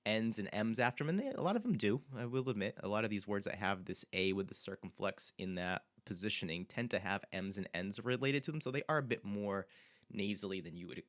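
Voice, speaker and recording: A man, a language teacher, explaining pronunciation in an unhurried way and repeating example words slowly. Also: fairly low pitch, lively intonation, dry recording, studio quality.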